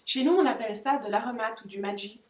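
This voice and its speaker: A young woman vlogging an unboxing of dog toys in a casual, excitable, giggly way, breaking off to talk to her dogs. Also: a little high, fast talker, slight background noise. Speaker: pet vlogger. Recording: roomy, distant camera audio.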